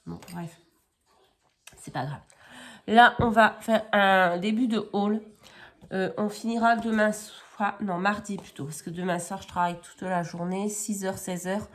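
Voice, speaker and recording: A woman's voice: medium pitch, steady tone, fairly bright tone. A woman chatting casually in a crafting haul vlog, rambling and correcting herself with many fillers as she shows items at home. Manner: chatty and unhurried. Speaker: crafting vlogger.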